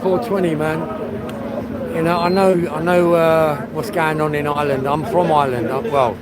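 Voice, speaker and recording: Loud crowd noise fills the background as a man streams live outdoors on a busy city street, chatting casually, swearing frequently, and greeting viewers by name. His high-leaning voice keeps fairly even intonation at normal speed.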